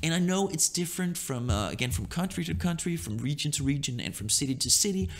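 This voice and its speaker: A young man from Denmark giving relaxed business advice in a loose, chatty monologue, often checking in with "right?". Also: on the high side, fast. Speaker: online business vlogger.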